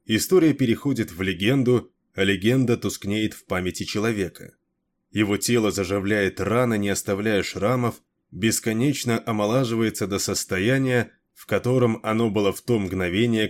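A man voicing a weary, cursed immortal man who speaks slowly and gravely in an audiobook reading. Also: fairly low pitch, close to an everyday voice.

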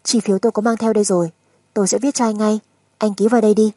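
A woman's voice: medium pitch, fairly even intonation, rapid-fire, mellow, dry recording, voice pushed up, natural voice. A woman narrator voicing a resolute, composed wife who speaks firmly and insistently in a dramatic audiobook. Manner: firm, controlled, insistent. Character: resolute, composed young wife demanding a divorce.

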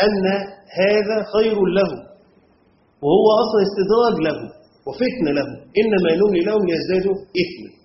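An Egyptian-accented man teaching a class at a quick clip in a high voice, and he keeps stopping to quiz the students. The recording is roomy and dull, with a faint hiss behind him. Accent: Egyptian Arabic. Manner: quizzes the class with rhetorical checks. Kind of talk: classroom lesson on Quran commentary grammar.

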